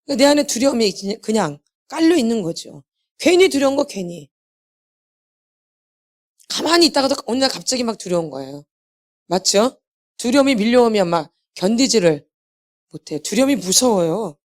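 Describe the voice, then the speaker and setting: Preaching a sermon at a healing meeting, this healing ministry lecturer speaks at a moderate pace, leaving long pauses. Her fairly high voice swings expressively as she hammers home repeated phrases and asks the congregation questions she goes on to answer.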